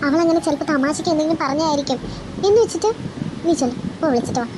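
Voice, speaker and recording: A woman's voice: high-pitched, background noise, close to an everyday voice. A woman voicing a doting middle-aged mother and aunt who fusses and coaxes in a fan audio drama. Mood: coaxing. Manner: coaxing, fussing, fast-talking. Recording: background music under voice.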